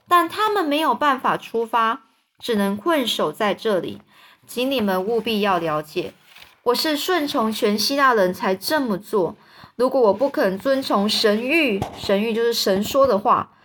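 A woman's voice: a little high, fairly bright tone. A woman voicing a stern king and father who speaks coldly and solemnly in a storybook reading. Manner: stern, cold, heavy-hearted.

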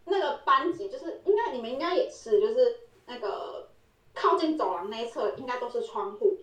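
A woman's voice: on the high side, animated, fairly quick, far from the mic. A woman, co-hosting a podcast and telling a story in casual chat. She laughs often and acts out the quoted lines. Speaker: podcast co-host. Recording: roomy echo, voice set back from the mic.

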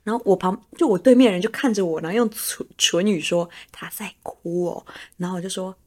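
A woman's voice: medium pitch, quick pace. A young woman with a Taiwanese Mandarin accent, co-hosting a casual podcast chat and acting out the quotes in her stories. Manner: animated storyteller, acts out quotes. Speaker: podcast co-host.

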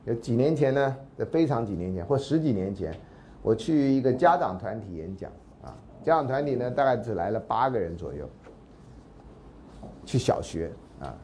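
Telling stories in a university lecture, a Taiwanese Mandarin-accented man uses a mid-range, warm voice with big pitch swings and a normal pace, over slight background noise. He chats with his audience, acts out the dialogue and often asks if they're with him.

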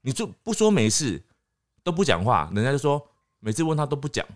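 A man's voice: mid-range voice, a little fast. A man with a Taiwanese Mandarin accent, co-hosting a podcast in casual chat and acting out quoted lines. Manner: animated, acts out quoted lines. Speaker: podcast co-host.

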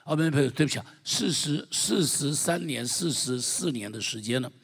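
An older man with a Taiwanese Mandarin accent, a pastor preaching a sermon, moving from quiet storytelling to loud, fervent declarations. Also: medium pitch, animated, brisk, breathy edge.

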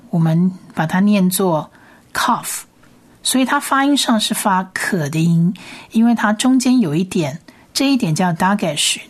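A woman teaching a recorded language lesson in a patient way, repeating each sound slowly and carefully. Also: medium pitch. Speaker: Hebrew teacher.

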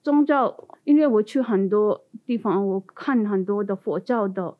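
Foreign lady doing an interview in accented mandarin, kinda halting, sounds like a phone call. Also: mid-range voice. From India. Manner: non-native Mandarin speaker, halting, simple phrasing with repetitions. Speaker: interview guest. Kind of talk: conversational interview answers. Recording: muffled narrow phone-like sound.

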